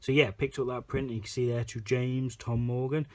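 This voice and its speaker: A man's voice: mid-range voice, flat delivery, normal speed. A man co-hosting a movie vlog, chatting casually about a convention haul in a rambling, chatty way. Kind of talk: casual chat.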